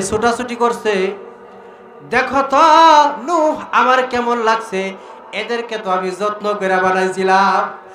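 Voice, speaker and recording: A male preacher voicing God in a retelling, slow, drawn out and chanted. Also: very high voice, sharp tone, pitched above the performer's own voice, exaggerated voice. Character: voice of God, calm questioning divine speaker. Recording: echoey hall with music.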